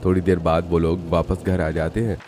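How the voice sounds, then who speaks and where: A man narrating an animated cartoon story in a steady storytelling manner. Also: low voice, a little fast, slight background noise.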